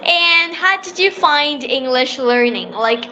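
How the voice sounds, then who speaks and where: A young speaker from Bangladesh, still in school, eagerly hosting an English conversation practice call. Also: female voice, high voice, expressive, slow pace, bright, forceful tone, dull audio. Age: child in sixth class. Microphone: online call.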